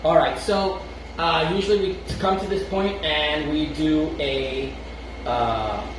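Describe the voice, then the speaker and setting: A slightly high-voiced Brooklyn man talks slowly as a podcast co-host, wandering through casual chat, chuckling and restarting as he goes. The mic is far from him, and the room is noisy and strongly reverberant.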